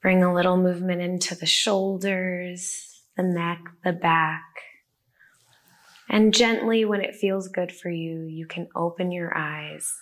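Slow, soothing woman guiding a meditation. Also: lowish voice, level tone. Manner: slow, soft and soothing, with long pauses. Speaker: meditation guide. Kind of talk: guided body-scan meditation. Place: a room with the listeners present.

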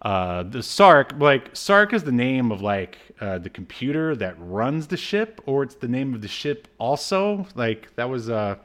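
A man's voice: mid-range voice, very animated, measured pace, hardly any pauses, a bit bright. Laid-back man rambling through a recap. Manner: laughing, rambling recap with many fillers. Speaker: podcast co-host. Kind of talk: casual chat recapping a cartoon.

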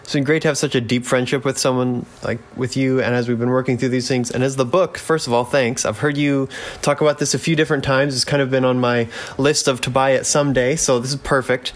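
A man's voice: mid-range voice, flat delivery, a little fast, hardly any pauses. Man chatting casually as podcast guest. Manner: informal, repeats and rephrases points. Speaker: podcast guest, advocacy group director. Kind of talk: casual interview chat. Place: basement of a guest home.

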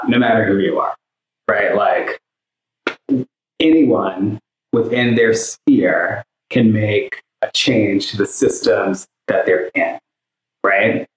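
Man hosting a podcast, roomy sound. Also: fairly low pitch. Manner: hesitant, many fillers. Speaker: podcast host. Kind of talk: podcast interview.

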